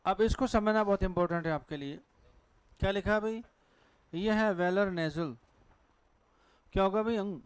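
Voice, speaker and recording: A man's voice: high voice, normal speed, pauses often, smooth, no room sound. A man with a Hindi accent teaching pronunciation to a class at a board, asking questions and answering them himself. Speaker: English teacher.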